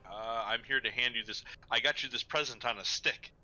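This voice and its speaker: A man's voice: mid-range voice, fairly quick, bright, forceful tone. A man playing a tabletop game, joking and restarting his sentences. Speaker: player. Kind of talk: casual tabletop game chat. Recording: dull lo-fi mic.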